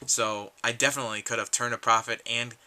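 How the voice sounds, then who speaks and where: A man's voice: mid-range voice, steady tone, fairly quick, bright, forceful tone, a little hiss or hum, low-quality recording. A man talking earnestly to camera in a casual vlog, rambling with frequent restarts and losing his voice a little. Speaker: YouTube collector vlogger.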